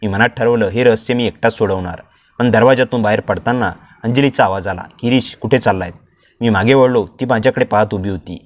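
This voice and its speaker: A man's voice: on the low side, a little fast. Man narrating a dramatic story. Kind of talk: scripted first-person story narration.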